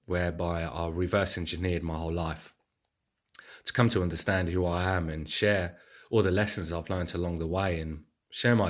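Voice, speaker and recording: A man speaking in an earnest, rambling reflective monologue, with many fillers and restarts. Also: sits low. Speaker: vlogger.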